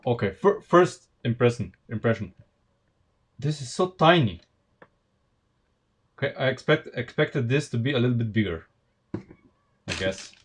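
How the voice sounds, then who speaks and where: Slow-talking Slovenian man building Lego. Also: mid-range voice, animated, slightly rough. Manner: unhurried, thinking aloud with many fillers and restarts. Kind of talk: casual live-stream chat while building.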